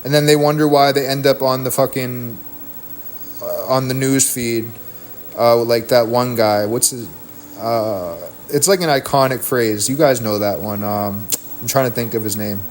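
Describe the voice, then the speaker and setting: A man's voice: mid-range voice, a little slow, a little hiss or hum. Profane, ranting male streamer. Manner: heated, profane, rambling rant.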